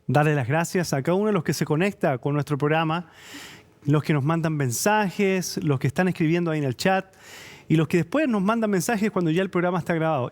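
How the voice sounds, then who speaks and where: A Chilean man hosting a church talk show, reading scripture and greeting viewers before chatting with his guest. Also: sits high. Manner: warm friendly interviewer, reads scripture and greetings. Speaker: church program host. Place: church studio.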